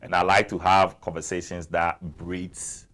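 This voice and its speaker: Ghanaian guy with a real low voice, chatty, says stuff twice to hammer it home. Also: flat delivery, a little slow, fairly bright tone. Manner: talkative, repeats phrases for emphasis. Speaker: interview guest. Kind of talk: casual interview.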